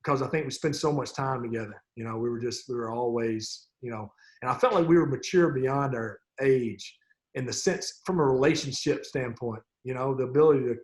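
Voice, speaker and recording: A man's voice: mid-range voice, brisk. A middle-aged man reminiscing casually on a video call. He rambles, restarts his sentences and chuckles often. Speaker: former player on a team reunion call.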